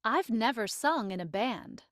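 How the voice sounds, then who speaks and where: A woman reading English example sentences from a course recording, slowly and clearly. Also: on the high side, expressive, fairly bright tone, no echo, studio quality. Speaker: recorded audio example speaker. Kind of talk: slow recorded drill sentences.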